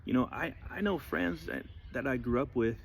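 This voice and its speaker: A man's voice: medium pitch, expressive, moderate pace, slight background noise. A man in his forties giving a blunt, heavily profane motivational monologue. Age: 40s. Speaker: motivational speaker.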